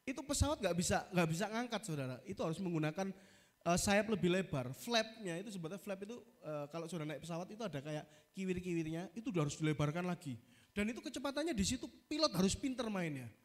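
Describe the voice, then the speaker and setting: Telling a story in a spirited sermon, an East Javanese pastor frequently calls out to his congregation. He's a man with a high-pitched voice and a fast delivery.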